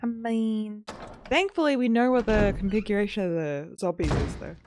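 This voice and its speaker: A woman's voice: medium pitch, music in the background. A woman game streamer chatting casually with her viewers while playing, a little sleepy. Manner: chatty, talks to viewers, drawn-out greetings. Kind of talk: casual live-stream commentary while gaming.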